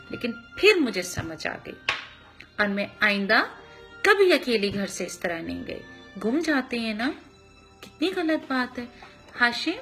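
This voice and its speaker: High, lively mother telling children a story. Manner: animated, acts out sounds and voices, asks the children questions.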